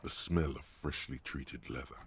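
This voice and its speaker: A man voicing a brooding, wry inner-voice narrator in a video game, speaking in a measured, poetic way. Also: a bit bright, full character voice. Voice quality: very deep gravelly voice.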